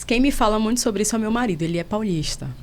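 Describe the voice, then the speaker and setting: A woman's voice: mid-range voice, racing, a little mellow, a little hiss or hum. A woman with a Paraense Brazilian accent hosting a podcast, asking questions in an eager, chatty way. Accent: Paraense Brazilian Portuguese. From Pará, Brazil. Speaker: podcast host. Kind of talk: podcast conversation.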